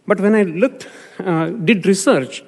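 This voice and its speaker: A man from India giving a public comment at a city council meeting, halting with many fillers and restarts. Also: sits high. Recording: long hall reverb.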